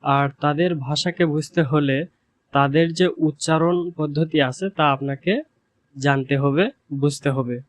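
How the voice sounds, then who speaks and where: A man teaching a language lesson, speaking slowly and repeating each example word twice. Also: on the high side, steady tone, dry recording.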